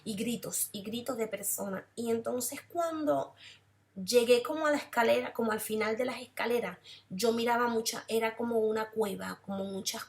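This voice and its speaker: Woman, emotional testimony, somewhat high voice, repetitive phrasing. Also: moderate pace. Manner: emotional, repeats phrases for emphasis. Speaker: person giving a testimony. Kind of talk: personal religious testimony.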